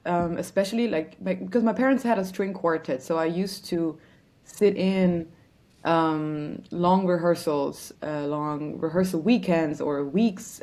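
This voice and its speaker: A woman's voice: on the low side, darkish tone. A woman from Germany, a musician guest answering interview questions reflectively and searching for words.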